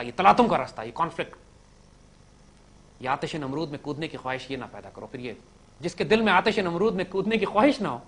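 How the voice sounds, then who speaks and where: A man giving an impassioned lecture to young listeners, swinging from loud emphatic peaks to low drops and mixing in English words. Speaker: speaker addressing young listeners.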